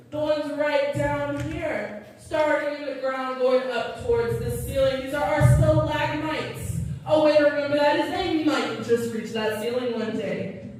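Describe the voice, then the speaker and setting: The speaker is a woman guiding a tour group through an underground cave, where hard rock walls create a strong echo. Her high-pitched voice is steady and a little mellow, delivered a touch slowly. Captured by a distant microphone, the audio echoes and has faint background noise.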